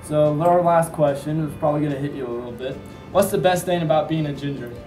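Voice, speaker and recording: A young man with a slightly high voice asks casual interview questions. The sound is roomy and a little distant, with music clearly underneath. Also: fast, warm tone. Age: teen or young adult. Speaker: student interviewer. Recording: echoey, distant mic, music over it.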